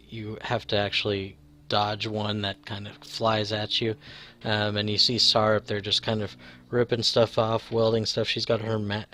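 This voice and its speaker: A man's voice: lowish voice, bright, forceful tone. A man narrating as game master, rambling with many fillers and restarts.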